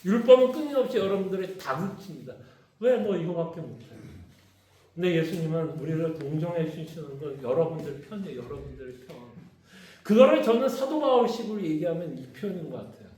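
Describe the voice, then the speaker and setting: Pastor teaching in an echoey room. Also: male voice, a little high, expressive, a little fast, dark tone. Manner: conversational, asks the congregation questions. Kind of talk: Bible study teaching. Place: church hall.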